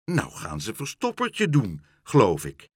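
A man voicing a cautious grown man in a storybook, speaking in a hushed, careful way. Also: on the low side, wildly swooping pitch, measured pace, breathy edge, no room sound, clean studio sound, exaggerated voice. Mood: wondering.

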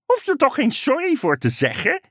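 A woman's voice: high voice, wildly swooping pitch, moderate pace, fairly bright tone, slightly rough, no echo, studio quality, voice pushed up, full character voice. A woman voicing a cheerful male frog in a children's story, squealing and exuberant. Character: overjoyed cheerful male frog, always happy. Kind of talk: storybook character voice.

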